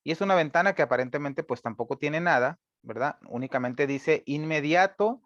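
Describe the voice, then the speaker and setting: Male instructor, patient step-by-step explainer with lots of "eh", slightly high voice. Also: fairly quick, fairly bright tone, dry recording, highs cut off. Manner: patient and step-by-step, frequent "eh" and "¿verdad?" tags. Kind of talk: screen-recorded programming lesson.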